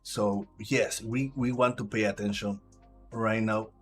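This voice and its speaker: A man from Puerto Rico with a Puerto Rican Spanish accent and Spanish as his first language, giving halting live trading commentary while he reads the chart aloud. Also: fairly low pitch, steady tone, husky, faint music behind. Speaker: live trader.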